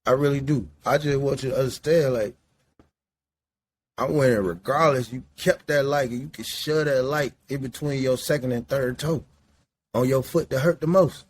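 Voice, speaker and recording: A man's voice: medium pitch, normal speed. A man in his late forties from the Midwest, hosting a podcast in a loose, rambling, profane way while he smokes indoors. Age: 40s. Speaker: podcast host. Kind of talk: casual monologue. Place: indoors, smoking while talking.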